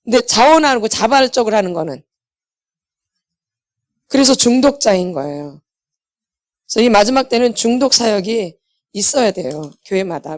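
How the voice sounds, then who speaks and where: A woman's voice: medium pitch, a little mellow. A middle-aged woman preaching a sermon in an emphatic, blunt manner. She asks the audience questions and answers them herself, and she often repeats herself. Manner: blunt and self-deprecating. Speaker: pastor's wife and healing ministry lecturer.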